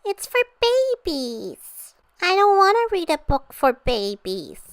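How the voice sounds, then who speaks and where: A woman puts on a tiny, pushy little sister with a very high, squeaky voice. She pleads slowly, stretching her words into a whine. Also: wildly swooping pitch, no room sound, studio quality, full character voice. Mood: whiny. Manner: pleading, drawn-out whining. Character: whiny little girl, pushy younger sister.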